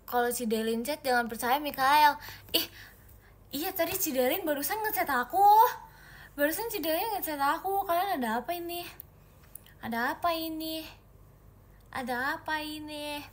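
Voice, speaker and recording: Young woman on a livestream, high voice, giggly and squealy, chatting w/ fans. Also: animated, normal speed. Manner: giggly, squealing, teasing exclamations. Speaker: idol group member livestreaming. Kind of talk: casual livestream chat reading comments.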